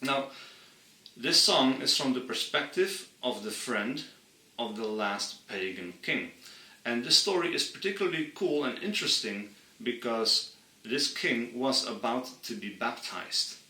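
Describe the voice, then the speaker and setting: A man from Friesland, earnestly explaining history to his channel's viewers and slowing down to stress key points. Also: medium pitch, expressive, sharp tone, roomy sound, distant mic, poor audio. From Friesland, Netherlands. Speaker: channel host. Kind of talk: explainer monologue.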